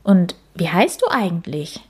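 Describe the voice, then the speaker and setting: A woman's voice: on the low side, expressive, a little slow, darkish tone, slightly rough, full character voice. A woman voicing a helpful, down-to-earth young woman who asks eager, surprised questions in a storybook reading.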